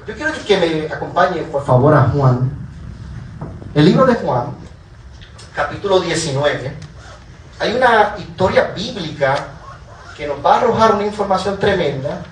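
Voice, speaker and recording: A man preaching a sermon, telling a story with lively repetition for emphasis and calling on the congregation to respond. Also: fairly high pitch, recorded from a distance. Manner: animated, repeats phrases for emphasis. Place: church hall. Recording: echoey room, voice from afar, faint ambient noise.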